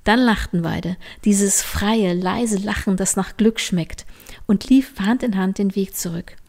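A woman reading a bedtime story aloud, softly and often in a whisper. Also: medium pitch, a little slow, vocal fry. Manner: soft, often whispered narration.

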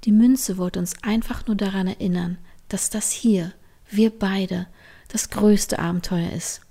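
A woman voicing an eager, high-spirited young woman in a storybook, speaking slowly. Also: steady tone, warm tone. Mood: tender whisper.

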